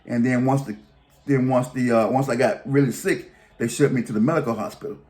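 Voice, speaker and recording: A man's voice: mid-range voice, steady tone, brisk, a little mellow. A man telling a long story in a casual, rambling, colloquial way, often restarting his sentences. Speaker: vlogger.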